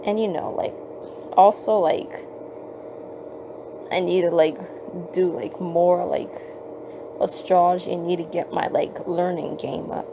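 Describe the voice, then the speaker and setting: A woman's voice: on the low side, fairly even intonation, measured pace, pauses often, highs cut off, noisy background. A woman hosting a podcast, rambling casually with lots of fillers and swearing, recorded on her phone. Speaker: podcast host. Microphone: phone microphone.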